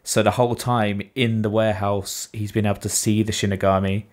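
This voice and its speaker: Chatty podcast host. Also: male voice, fairly low pitch, a little fast. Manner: swearing, animated retelling. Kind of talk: casual chat.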